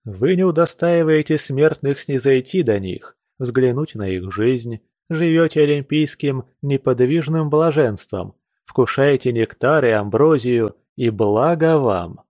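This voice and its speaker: A man's voice: mid-range voice, lively intonation, unhurried, few pauses, darkish tone, no room sound, studio quality, natural voice. A man reading a classic novel aloud, voicing a passionate, earnest young nobleman with urgent, lecturing speech. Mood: fervent.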